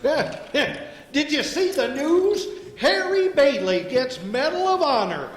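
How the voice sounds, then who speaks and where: A man acting a forgetful, kindly old uncle in a stage radio play, with a stammering, scattered manner and a high, wavering voice. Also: sing-song, slow, heavily acted. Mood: gleefully teasing. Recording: echoey hall, noisy and distant-sounding.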